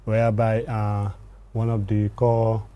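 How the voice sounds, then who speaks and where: A man giving formal, deliberate interview answers as an official guest. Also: lowish voice, completely flat delivery, mellow. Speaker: education ministry guest.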